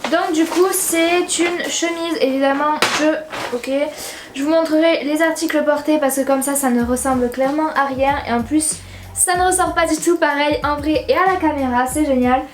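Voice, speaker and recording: A woman's voice: high voice, fairly even intonation, normal speed, roomy sound, slight background noise. A teenage girl from southern France chatting casually in a haul vlog, rambling and slangy with lots of fillers. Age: teens. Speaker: YouTuber.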